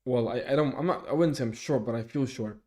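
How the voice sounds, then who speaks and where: This young Swedish man streams live and works through his audience's comments in turn, chatting informally. His speech is halting, full of restarts and fillers like "um" and "like," delivered in a voice of normal pitch that sounds dark and mellow.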